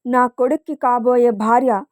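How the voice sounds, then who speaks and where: A proud, wealthy middle-aged mother who speaks with cold arrogance, as a woman reader puts her on. The voice sits high and sounds close and dry, with no room around it. It is a storybook figure read aloud. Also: steady tone, moderate pace, dry recording, lightly acted. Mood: haughty. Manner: haughty, arrogant.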